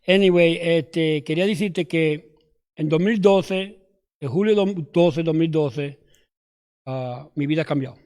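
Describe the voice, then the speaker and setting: A man from New York with a New York Spanish accent, giving a nervous, halting personal testimony in church. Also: fairly high pitch, darkish tone.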